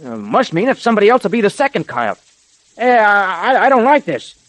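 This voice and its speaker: A man's voice: high voice, sing-song, fairly quick, fairly bright tone, no echo, low-quality recording. An actor playing a jumpy, folksy crook's henchman in a 1930s radio drama. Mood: frightened. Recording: vintage 1930s radio recording.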